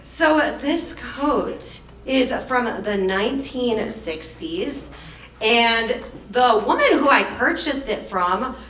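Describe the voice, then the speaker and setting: A woman's voice: a little high, lively intonation, takes it slowly, fairly bright tone. A woman hosting a live burlesque show, chatting with the crowd in playful, teasing stage banter. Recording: echoey live venue, distant microphone.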